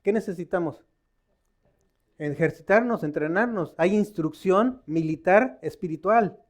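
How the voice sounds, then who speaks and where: A man's voice: high-pitched, a little slow. A man giving an informal sermon at a Bible study, quizzing his listeners and often stopping to search for words. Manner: conversational, quizzing the audience with questions; stops to search for words, with many fillers and restarts. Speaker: lay preacher at a Bible study.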